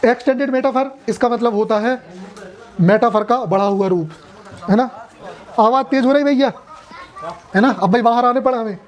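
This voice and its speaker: A man's voice: very high voice, moderate pace, pauses often. Male tutor, classroom lecture, casual and talkative, keeps checking students follow. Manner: chatty, asks students questions, jokes. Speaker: coaching class teacher.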